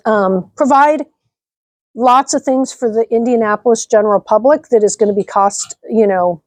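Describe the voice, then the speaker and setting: A woman's voice: fairly high pitch, moderate pace, darkish tone, no echo. Upbeat middle-aged woman being interviewed. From Nebraska, United States. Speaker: nonprofit executive director. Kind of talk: interview conversation.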